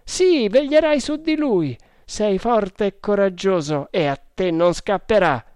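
A narrator voicing a jovial, bossy male army sergeant who calls out in a loud, high, hearty voice, in a storybook reading. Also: animated, slow, clear, resonant tone, no echo. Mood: confiding. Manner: hearty, calling out.

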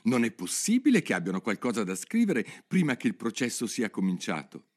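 A man voicing a curious, easily indignant little girl in a storybook reading, in a hushed voice. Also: medium pitch, huge pitch swings, a little fast, voice pushed up. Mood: musing.

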